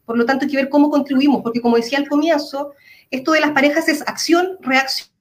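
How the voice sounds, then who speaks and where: Woman, chilean accent, psychologist, earnest and explanatory, slightly high voice. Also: fairly even intonation, fast. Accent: Chilean Spanish. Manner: earnest, explains with everyday examples. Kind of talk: explanatory interview talk.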